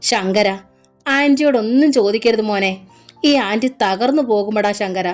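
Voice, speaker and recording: A woman's voice: mid-range voice, moderate pace, faint music behind, natural voice. A woman voicing a sorrowful young woman who weeps and blames herself. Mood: tender. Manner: weeping, hushed.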